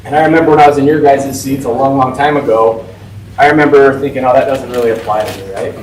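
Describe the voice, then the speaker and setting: A forty-year-old man talks casually to a class as a guest speaker, chatty and loose. His voice sits at an everyday pitch. It comes from a distance in an echoey room with faint noise behind. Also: steady tone, fast. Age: 40s. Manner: chatty, informal, lots of "like" and "right?". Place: school classroom.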